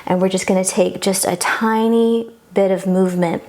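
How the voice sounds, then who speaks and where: A woman's voice: medium pitch, fairly even intonation, moderate pace, a little mellow. A woman yoga instructor guiding a class through poses in an encouraging, reassuring and informal way.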